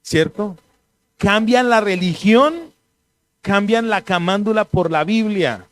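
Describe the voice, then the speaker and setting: A man, a pastor giving a conversational sermon and telling animated, joking stories. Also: high-pitched, takes it slowly.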